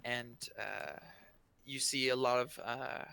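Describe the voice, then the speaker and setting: Slow, halting man narrating a tabletop game. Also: mid-range voice, creaky, sharp tone, clean tone, dry recording. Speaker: game master.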